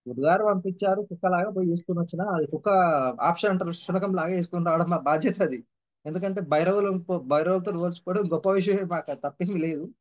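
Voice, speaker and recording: A man's voice: high-pitched, fast talker. A man giving a humble, earnest devotional testimony, repeating his points for emphasis. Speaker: devotee sharing his experiences.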